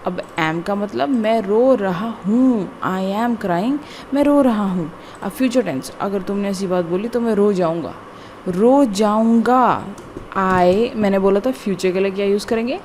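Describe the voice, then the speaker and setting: A woman teaching a grammar lesson, explaining slowly and deliberately word by word, with frequent repetition. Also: medium pitch, darkish tone, a little hiss or hum. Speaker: English teacher. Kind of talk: classroom-style grammar lesson.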